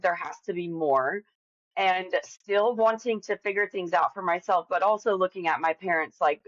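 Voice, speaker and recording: A woman in her forties with a fairly low voice tells her story in a loose, rambling interview style, full of "um"s and self-corrections. The recording is dry and close, with a slightly dull, muffled tone. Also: dry recording. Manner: candid, rambling, many fillers and restarts. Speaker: podcast guest. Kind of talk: casual interview conversation.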